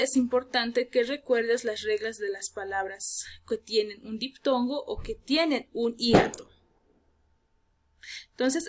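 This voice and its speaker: Patient Spanish-speaking woman teacher. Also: fairly high pitch. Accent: Peruvian Spanish. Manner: patient, explains step by step to students. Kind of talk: recorded video lesson.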